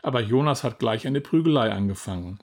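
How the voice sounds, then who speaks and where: A man's voice: medium pitch, animated, brisk, a little mellow. A boisterous little lion-boy, as a man reads him. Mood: tearful.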